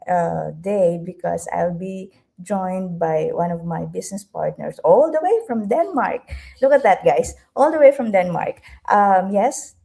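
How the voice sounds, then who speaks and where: A woman's voice: mid-range voice, dark tone. A woman hosting a live stream interview, talking in a chatty way with many fillers and restarts. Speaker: host.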